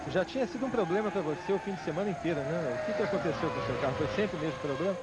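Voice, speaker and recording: Brazilian male trackside interviewer, rapid-fire pace, loud engine noise around him. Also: a little high, lively intonation. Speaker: trackside TV reporter.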